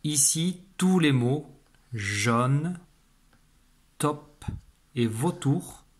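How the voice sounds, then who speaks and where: A man teaching young children a phonics lesson, saying each sound slowly and carefully. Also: fairly high pitch, lively intonation. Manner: slow, careful, stretched-out pronunciation of sounds. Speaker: primary school teacher.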